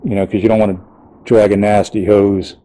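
A man's voice: fairly low pitch, flat delivery, brisk, dark tone, low-quality recording. A man casually walking through the equipment inside his work trailer, explaining things plainly with fillers. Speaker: pressure washing business owner. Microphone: handheld camera mic, filming in first person.

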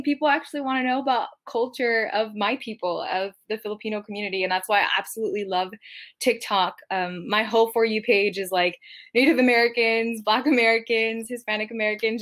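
Young Gen Z woman, higher-pitched, chatty and self-mocking. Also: fairly bright tone. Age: 20s. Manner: bubbly young Gen Z talk, giggly, self-mocking, full of "like". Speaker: TikTok creator and actor hosting a livestream. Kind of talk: casual livestream chat. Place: small bedroom, indoors.

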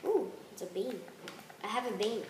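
A woman's voice: mid-range voice, expressive, moderate pace. A woman chatting playfully with a friend while playing a shooter game, cracking jokes and repeating lines in a sing-song way. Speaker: co-host of a gaming podcast. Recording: roomy echo, far from the mic, noisy.

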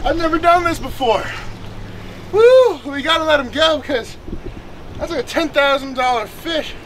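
A man's voice: extremely high pitch, normal speed. A young man in a casual fishing vlog, crude and exclamatory, speaking outdoors by the water to a camera some way off. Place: outdoors on a rocky shore by the water. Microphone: camera a few metres away. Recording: loud outdoor background noise, distant camera.

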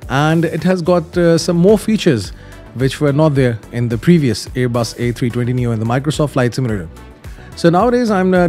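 A mid-range, slightly mellow male voice belongs to a flight simulator tutorial host. He explains things casually, one step at a time, repeating the easy instructions.

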